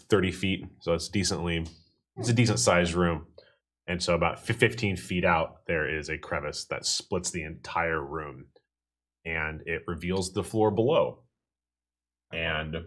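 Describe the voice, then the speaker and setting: A man with a very deep voice runs a tabletop game as game master on a live stream. He describes the scene unhurriedly, pausing and restarting as he goes. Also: fairly bright tone. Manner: slow, halting scene description.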